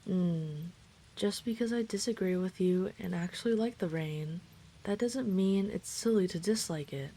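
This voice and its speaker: In a natural, medium-pitched voice at a moderate pace, a woman plays a tender dragon companion in an intimate audio roleplay. She comes across as reassuring and thoughtful, if a bit hesitant.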